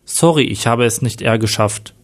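A man's voice: medium pitch, moderate pace, lightly acted. A man reading the lines of a weary former detective on the run in a plain read-aloud manner. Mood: subdued.

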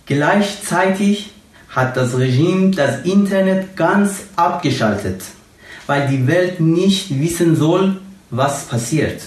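A young man from Iran with an Iranian accent, reading a prepared political appeal in a slow, solemn, deliberate way. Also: on the high side, expressive. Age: young adult. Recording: roomy echo, far from the mic.

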